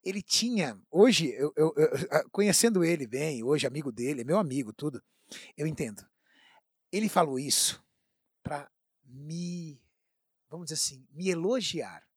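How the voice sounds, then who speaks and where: A Brazilian man tells a personal story with emphatic, animated delivery. His voice is husky and sits a little high, and the recording is dry and close. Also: unhurried, no echo. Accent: Brazilian Portuguese. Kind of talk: storytelling in casual chat.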